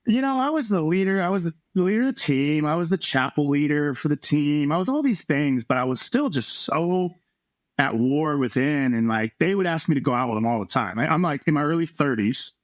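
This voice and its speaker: A man's voice: fairly high pitch, fairly quick, no room sound, studio quality. Earnest man telling a confessional story. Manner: earnest, confessional, animated when quoting others. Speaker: guest, former baseball pitcher. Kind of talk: candid personal storytelling.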